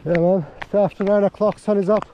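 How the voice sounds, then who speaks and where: An excitable man narrating his ice fishing out on a frozen lake, out of breath and talking straight to his viewers. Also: sits high, a little fast, lo-fi sound, slight background noise. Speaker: fishing vlogger. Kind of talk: excited live commentary while ice fishing.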